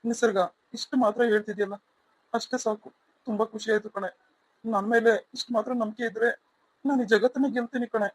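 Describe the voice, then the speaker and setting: A man voicing a gentle, loving young husband in a cartoon serial, soft and soothing. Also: high-pitched, steady tone, brisk, no echo. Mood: tender. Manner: tender, soothing.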